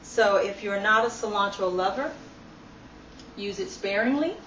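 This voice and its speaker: A woman's voice: mid-range voice, unhurried, roomy sound, highs cut off, heavy background noise. A woman demonstrating a recipe in her home kitchen, chatty and instructive, recorded on a phone camera from a distance. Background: clattering dishes and cutlery.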